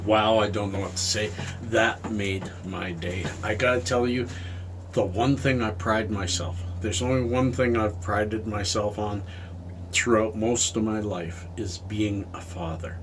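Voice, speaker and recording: A middle-aged man from Canada, slightly out of breath after a cold walk, talks casually and warmly to his viewers, rambling from one thought to the next. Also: lowish voice, steady tone, a little slow, noisy background. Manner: rambling, heartfelt, addresses viewers as friends. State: a little out of breath. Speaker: vlogger. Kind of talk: casual talk to camera. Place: outdoors in the cold.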